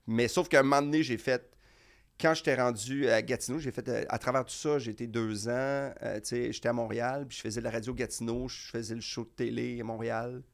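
A man with a Québécois French accent, a comedian chatting casually and telling rambling, animated stories. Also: mid-range voice, fast talker, creaky. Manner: animated storyteller, rambling restarts. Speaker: comedian guest. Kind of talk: casual chat.

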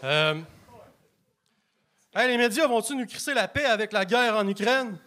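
A man doing a stand-up set of deadpan one-liners. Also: high-pitched, normal speed. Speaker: stand-up comedian.

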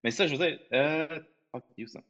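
Bright-voiced man arguing his point. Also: fairly high pitch, normal speed, dull audio. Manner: argues his point, slips into English phrases. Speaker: podcast co-host. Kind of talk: casual chat.

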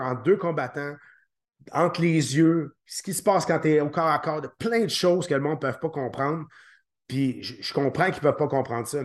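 In a podcast interview, a former fighter with a Québécois French accent appears as a guest, speaking haltingly and often repeating his words. His voice is a little high.

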